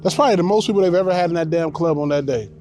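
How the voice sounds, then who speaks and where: Slangy, slightly high-voiced male comedian. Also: very fast, darkish tone, slight background noise. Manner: loose, slangy, laughs easily. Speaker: stand-up comedian. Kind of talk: casual chat. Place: outdoors by the water, fishing.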